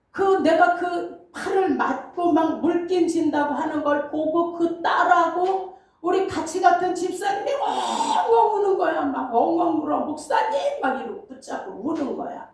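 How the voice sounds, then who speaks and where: A woman pastor telling her own story in a sermon, in an animated, colloquial way. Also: very high voice. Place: church sanctuary. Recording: very echoey hall, distant mic.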